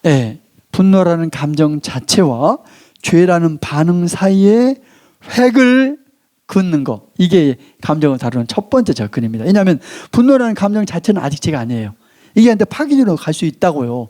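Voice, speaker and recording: A male pastor giving a sermon in a church, his voice pitched a bit high with lively rises and falls. His tone is mellow and warm. He draws out key phrases slowly, then lets his voice sink, and he has the congregation read along with him. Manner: leads the congregation in call-and-response reading.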